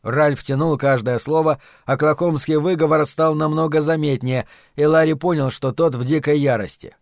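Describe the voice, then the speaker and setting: A man narrating an audiobook in a measured, even reading. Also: on the high side, vocal fry, dry recording, studio quality.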